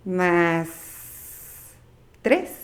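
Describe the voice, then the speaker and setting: A woman's voice: fairly low pitch, lively intonation, drawn-out words. Middle-aged mexican lady, podcast guest, chatty, kinda stumbles on words sometimes. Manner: chatty, counts aloud, trips over words. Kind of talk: casual interview talk.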